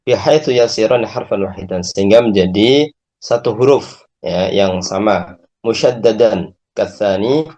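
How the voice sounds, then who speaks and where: A man's voice: lowish voice, slow pace, mellow. A man interpreting a religious lesson phrase by phrase, tagging his lines with a short confirming "ya". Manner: translates phrase by phrase, tags lines with "ya".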